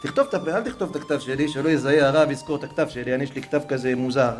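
A man telling a religious story as a preacher, dramatically swinging from hushed murmurs to raised, emotional exclamations. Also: mid-range voice, faint music behind.

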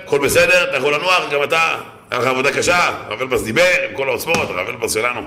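Animated man preaching in an echoey room. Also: mid-range voice, background noise. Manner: acts out characters in shifting voices, exclamatory. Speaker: rabbi giving a Torah talk. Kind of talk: animated storytelling sermon.

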